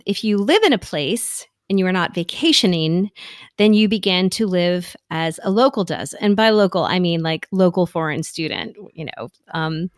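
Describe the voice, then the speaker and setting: A middle-aged woman co-hosts a podcast, rambling through a personal story in a chatty, giggly way. Her medium-pitched voice is smooth, and the studio-quality recording has no echo. It's casual conversational chat.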